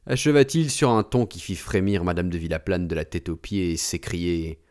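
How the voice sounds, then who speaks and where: A man narrating a literary novel as an audiobook in a measured, expressive way. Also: low voice.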